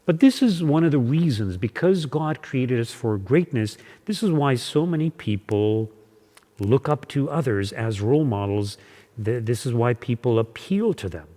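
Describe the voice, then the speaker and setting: A parish priest gives his Sunday homily from the altar, his voice neither high nor low. He preaches in a measured way and slows down to lean on the key words. The sound rings out with the long reverb of a church. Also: lively intonation, warm tone. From born in Hungary, raised in Canada.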